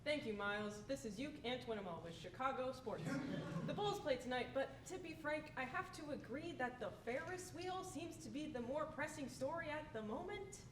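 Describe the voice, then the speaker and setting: A woman's voice: high-pitched, lively intonation, normal speed. A woman playing an earnest sports reporter in a comedy newscast. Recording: roomy, distant, noisy.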